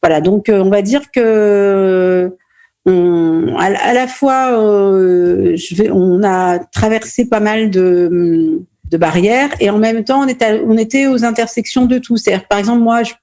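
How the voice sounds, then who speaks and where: A medium-pitched, dark voice belongs to this middle-aged woman from Normandy, France, who works as a playwright and stage director. She responds thoughtfully to an interviewer, pausing a lot and restarting her sentences.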